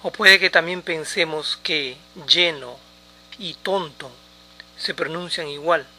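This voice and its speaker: Slow, bright-voiced man teaching English. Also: on the high side. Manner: repeats English words slowly for pronunciation drills. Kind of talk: slow, deliberate language lesson.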